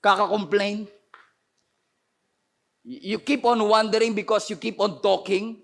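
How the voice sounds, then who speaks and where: A man preaching a fervent sermon in a high voice that has gone hoarse. He slides between Tagalog and English and pushes his delivery into emphatic bursts as he speaks to viewers online. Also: steady tone, measured pace, fairly bright tone. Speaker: pastor. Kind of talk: impassioned sermon.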